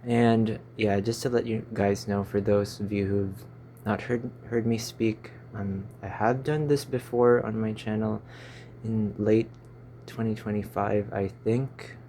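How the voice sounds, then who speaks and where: Filmed on a phone in a small, stuffy room, this Filipino-accented YouTuber in his 20s chats aimlessly to his channel, stumbling over words. His lowish, mellow voice has fairly even intonation and a measured pace, with a little hiss or hum.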